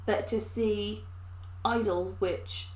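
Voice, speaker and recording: A woman's voice: medium pitch, steady tone, takes it slowly, darkish tone, roomy sound, rough recording. A woman with an English accent, co-hosting a casual reaction chat and working through her thoughts with many restarts. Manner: thoughtful, explains at length with restarts. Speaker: co-host.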